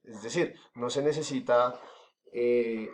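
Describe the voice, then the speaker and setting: A man's voice: medium pitch, takes it slowly. A man with a Colombian accent teaching a recorded school lesson, explaining step by step with many fillers and frequent checks that the class is following. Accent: Colombian Spanish.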